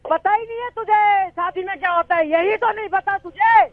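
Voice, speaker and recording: A man on a phone call, angry and insulting, shouting at the caller. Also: very high-pitched, normal speed, dry recording. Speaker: prank call victim. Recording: tinny phone line.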